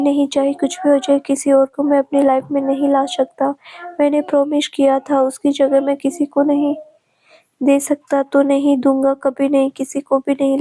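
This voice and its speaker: A woman's voice: sits high, warm tone, close to an everyday voice. A woman reading the lines of a doting, playful young man who runs a company, in a romance story. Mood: anguished. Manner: coaxing, affectionate. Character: young male CEO, doting and playful fiancé.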